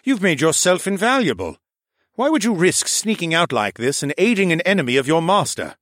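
A man's voice: fairly high pitch, big pitch swings, a little fast, fairly bright tone, no room sound, pitched above the performer's own voice. A stern, protective falcon man with a lifted voice that probes and presses, as a man acts him out. His questions come pointed and suspicious, in a storybook telling with dry sound. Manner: probing, stern.

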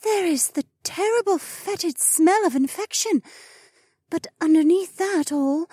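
A man voicing a mystical oryx augur woman who speaks in a hushed, foreboding way, in an audiobook reading. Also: very high voice, unhurried, no room sound, pitched above the performer's own voice. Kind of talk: audiobook character voice.

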